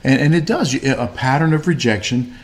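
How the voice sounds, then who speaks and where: A man's voice: mid-range voice, a little fast. A man co-hosting a casual faith-based chat, talking in a rambling way with many fillers and restarts. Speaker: podcast co-host.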